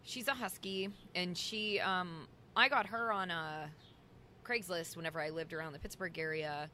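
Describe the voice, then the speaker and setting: A woman guest on a podcast, telling stories in a lively way and laughing often, in an outdoor courtyard. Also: on the low side, normal speed, slight background noise. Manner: laughing, animated storyteller. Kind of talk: casual conversation.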